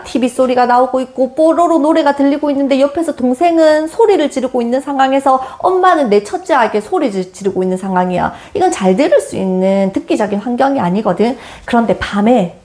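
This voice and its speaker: A woman in her forties, a parenting educator, talking casually with her husband in an animated, lively way. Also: high-pitched, fairly quick.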